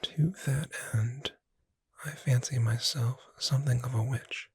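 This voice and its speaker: A breathy near-whisper carries this soft-spoken ASMR roleplay, where a performer is a friendly witch running a bookshop, gentle and unhurried with a touch of wryness. Medium in pitch and steady in tone, the delivery feels gentle and persuasive, captured in a dry recording.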